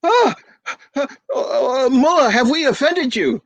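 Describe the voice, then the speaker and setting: A man playing a fawning wedding host in a folk tale, excitable, stammering, pitched up high, dry close sound. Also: a little slow, no room sound, heavily acted. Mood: flustered. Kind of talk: storytelling performance.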